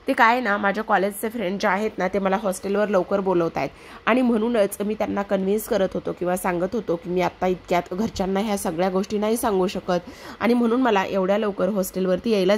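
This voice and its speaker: A woman's voice: mid-range voice, fairly quick, slight background noise, lightly acted. A woman reading out the lines of a defiant, hot-tempered young college man who snaps defensively, in a TV serial recap. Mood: evasive. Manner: snapping, defensive.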